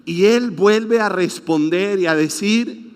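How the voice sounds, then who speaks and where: A man's voice: sits high, slow, clean tone. A man with a Venezuelan accent preaching a sermon in a church, telling the story dramatically and acting out the voices of the people in it. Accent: Venezuelan Spanish. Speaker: pastor. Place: church hall. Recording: long hall reverb.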